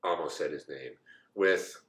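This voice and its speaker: A man's voice: extremely low pitch, a little slow, a bit bright. A man in his forties from the United States, telling a personal story in a rambling, casual way with many asides. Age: 40s. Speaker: co-host. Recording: echoey room.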